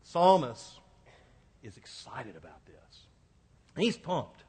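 A man's voice: mid-range voice, big pitch swings, takes it slowly, a little mellow, slightly rough. A man delivering a sermon to a congregation in a colloquial, conversational way, repeating phrases for emphasis. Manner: emphatic repetition for effect. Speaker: preacher. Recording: echoing hall, long reverb.

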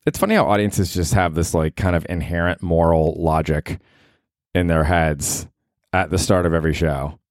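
A man's voice: low-pitched, moderate pace, no room sound, studio quality. An American man hosting a solo comedy podcast in casual chat, profane, rambling and self-mocking. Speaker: podcast host.

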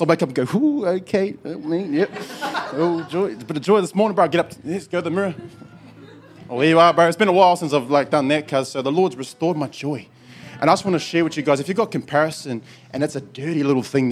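A man with a broad New Zealand accent giving an informal church testimony in slangy, colloquial, matey speech. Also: a little high. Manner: slangy and colloquial, often saying "bro".

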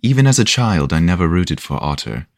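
A man's voice: sits low, big pitch swings, dry recording, studio quality, pitched above the performer's own voice. A man playing a blunt young woman. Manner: blunt, deliberate.

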